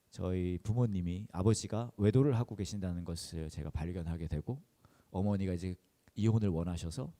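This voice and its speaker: A man's voice: low-pitched, warm tone. A pastor in his forties giving a sermon, telling a personal story in an earnest, emotional way at a church service.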